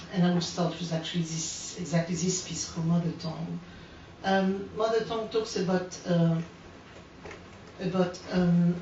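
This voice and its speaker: A French woman in her 40s, whose first language is French, gives an unscripted artist talk with a fairly low, slightly mellow voice. She's hesitant, with many fillers and restarts. The recording has a little hiss or hum, an echoey room, a distant mic, and dull sound.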